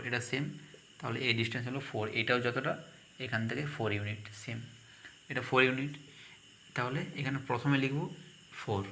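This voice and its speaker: A man's voice: mid-range voice, bright, forceful tone, slight background noise. A man teaching a math lesson, asking questions and answering them himself.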